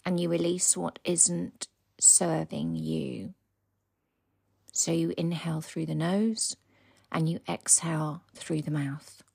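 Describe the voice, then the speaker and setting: A woman hosting a motivational coaching podcast from home, speaking earnestly and dropping into soft whispers for emphasis. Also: low voice, slow pace, gravelly, breathy edge, no echo, clean studio sound. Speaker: podcast host and embodiment coach. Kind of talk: motivational solo podcast talk. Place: home, with her dog beside her.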